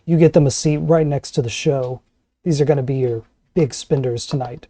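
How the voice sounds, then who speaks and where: A man's voice: medium pitch, fairly even intonation, normal speed, mellow, dry recording. A man casually narrating a tabletop role-playing game as game master.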